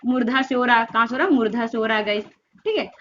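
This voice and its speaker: A woman's voice: fairly high pitch, fairly bright tone, dull audio, slight background noise. A woman teaching Hindi grammar for competitive exams. She keeps asking her students questions, answers them herself, and draws out the vowel sounds to show how they are made. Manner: repetitive call-and-response questioning; drawn-out demonstration of vowel sounds. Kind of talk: exam-prep grammar lesson.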